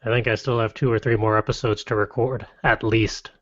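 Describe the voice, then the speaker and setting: A man hosting a casual podcast, reading lists briskly and adding wry, playful asides. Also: on the low side, little pitch movement. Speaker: podcast host. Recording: dull lo-fi dry podcast audio.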